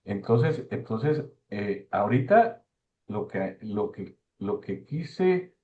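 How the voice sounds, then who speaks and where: A man giving an informal talk, halting and repeating words for emphasis. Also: fairly low pitch, very animated. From Mexico. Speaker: speaker giving a talk on postal history. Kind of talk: informal lecture discussion. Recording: thin phone-like online call audio.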